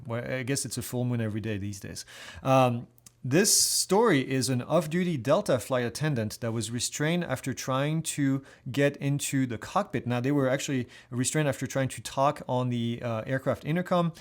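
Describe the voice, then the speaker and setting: A man presents a weekly aviation news roundup in a loose, conversational way. He restarts his sentences and fills the gaps with "uh," and his pitch sits in an ordinary middle range. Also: normal speed. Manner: casual, conversational, with many fillers and restarts.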